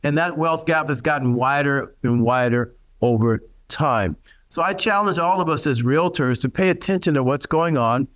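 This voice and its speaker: An older man speaking at a symposium, his voice sitting a little high for a man. He talks earnestly, pausing often and filling gaps with hesitations as he builds his points. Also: fairly bright tone. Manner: earnest, halting, many fillers. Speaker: panel speaker for a real estate group. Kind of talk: public speech at a symposium.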